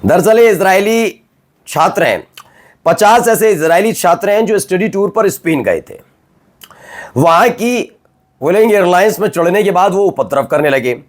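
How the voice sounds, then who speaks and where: A man anchoring a news roundup, his voice sitting a little high for a man. He talks to viewers directly and emphatically, often asking rhetorical questions before answering them. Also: animated, moderate pace. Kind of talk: conversational news presenting.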